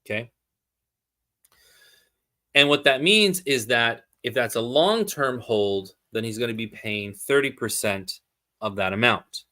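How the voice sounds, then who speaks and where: This man teaches zakat calculation over a live stream, talking through examples and posing questions he then answers himself. He has a mid-range voice with a sharp tone, speaking at a measured pace broken by long pauses.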